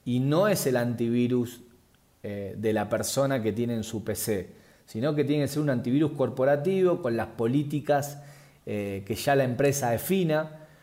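Mellow-voiced man explaining cybersecurity. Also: medium pitch. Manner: measured, explanatory, frequent fillers and restarts. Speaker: cybersecurity expert guest. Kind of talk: explanatory interview answers.

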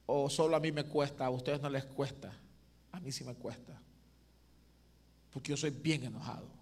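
A man preaching a sermon as pastor, asking the congregation questions and swinging from loud calls to hushed asides. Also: mid-range voice, fairly even intonation, moderate pace, slightly rough.

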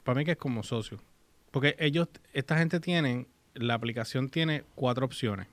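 A man's voice: medium pitch, moderate pace, no echo. A man hosting a casual chat, mixing in English words and reading English text aloud. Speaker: host.

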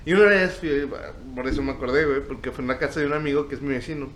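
Young man, Mexican accent, high voice, laid-back joking, faint rumble. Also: racing, fairly bright tone. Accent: Mexican Spanish. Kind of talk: casual chat.

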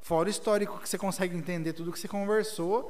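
A man's voice: high-pitched, steady tone, racing, darkish tone. A man co-hosting a casual business podcast, talking emphatically with slang. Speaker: podcast co-host.

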